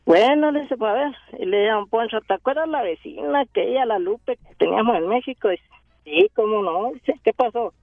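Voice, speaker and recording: A man calling in to a radio show, telling a long joke in a slow, deadpan way. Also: extremely high pitch, vocal fry, no echo. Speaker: caller. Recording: dry tinny phone line.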